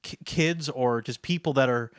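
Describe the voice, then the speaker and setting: A man chatting casually as a co-host, informal and joking, quick to interject. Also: mid-range voice, clear, resonant tone, no room sound, clean studio sound. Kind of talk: casual, bantering chat.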